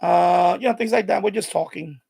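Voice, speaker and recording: Worked up and talking with high intensity, this Bronx-raised man in his 50s, originally from Puerto Rico, chats casually on a live stream about his radio hobby. His heavy Bronx accent comes in a husky voice with vocal fry at a fairly quick clip.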